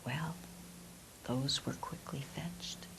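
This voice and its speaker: A woman telling a folk tale expressively, with dramatic, deliberate phrasing. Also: a bass voice, a bit bright, in a whisper, low-quality recording. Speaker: storyteller. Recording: clear background hiss.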